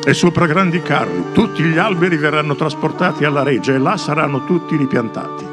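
A man's voice: fairly low pitch, big pitch swings, unhurried, creaky, music in the background, heavily acted. A man doing a scornful, boastful young prince. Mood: scornful boasting. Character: arrogant mocking young male prince.

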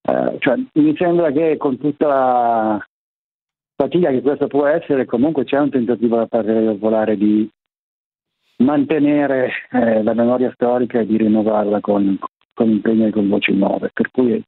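A man's voice: mid-range voice, moderate pace, no echo. A man calling into a radio show over a landline phone, speaking hesitantly and often restarting his words. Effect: heard over a landline phone. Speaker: radio call-in caller. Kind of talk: casual call-in chat. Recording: tinny phone line.

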